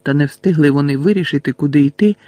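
A man reading a novel aloud in a steady storytelling manner. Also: fairly high pitch, fast talker, no room sound. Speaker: audiobook narrator. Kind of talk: scripted narration.

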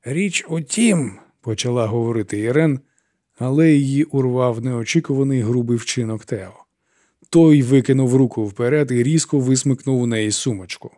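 A man narrating an audiobook in an even, measured storytelling voice. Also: medium pitch, dry recording, studio quality.

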